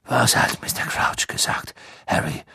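Dumbledore, soft-spoken old headmaster, read by a man. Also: measured pace, dry recording, whispered, clean studio sound. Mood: hushed. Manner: soft, hushed, breathy. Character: old wise headmaster wizard, calm and amused.

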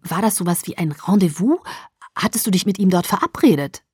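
A curious, excitable teenage girl who pries eagerly for details, as a woman reads her. The voice is dry and close, with no room around it. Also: on the low side, a little fast, husky, dry recording. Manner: eager, prying, sometimes whispering. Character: nosy, excitable teenage schoolgirl.

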